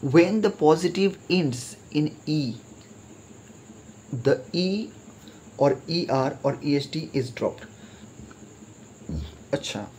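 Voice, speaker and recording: A man explaining English grammar in a lesson. He talks it through with hesitant fillers, mixes English terms into his speech and reads example sentences out slowly. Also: on the high side, darkish tone, a little hiss or hum. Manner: slow deliberate reading of English examples, mixing English terms into his talk.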